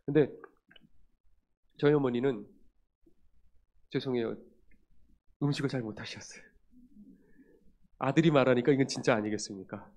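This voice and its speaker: A middle-aged man from Korea's region, a pastor, preaching a sermon through personal storytelling that swings between loud and hushed. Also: mid-range voice, moderate pace, long pauses. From Gyeongsang region, South Korea.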